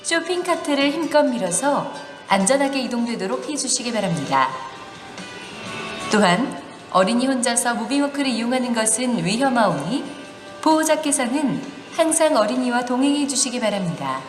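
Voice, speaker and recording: A woman reading a polite, formal safety announcement over a store intercom loudspeaker. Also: fairly high pitch, sing-song, normal speed. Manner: polite, formal, evenly read. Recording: echoey hall with music underneath.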